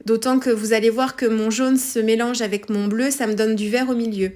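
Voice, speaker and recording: Speaking fairly quickly, this French-accented woman talks through a casual scrapbooking craft tutorial, hesitating and correcting herself amid many fillers. Her voice is fairly high and a little mellow, with fairly even intonation.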